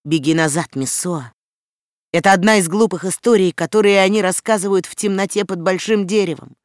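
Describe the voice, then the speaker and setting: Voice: medium pitch, brisk, no echo, studio quality, lightly acted. The audiobook reader voicing a defiant boy raised by wolves who gives orders and mocks his attackers. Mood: scornful.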